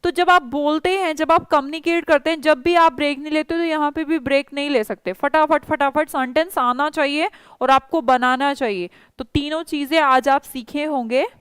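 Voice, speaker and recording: A woman's voice: sits high, moderate pace, hardly any pauses, fairly bright tone, no room sound. A woman with an Indian accent teaching a spoken English class online, coaxing and reassuring her students.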